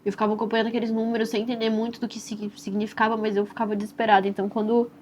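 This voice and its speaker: A young Brazilian woman tells her own story as a mother in a soft, tender and reflective way, often adding "né?" and "assim". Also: on the high side, level tone, racing. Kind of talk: personal testimonial storytelling. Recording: slightly dull recording with faint hiss.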